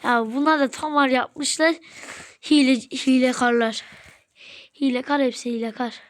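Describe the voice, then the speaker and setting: High-voiced woman taunting in gameplay commentary. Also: normal speed. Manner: taunts opponents, chatty and excitable. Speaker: gaming channel host.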